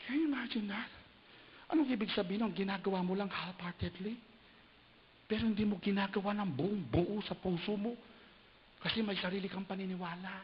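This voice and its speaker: Man preaching in a reverberant church hall. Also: fairly quick. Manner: animated preaching, acts out quoted people in high voices. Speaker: bishop. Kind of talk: sermon. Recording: hissy dull recording with long hall reverb.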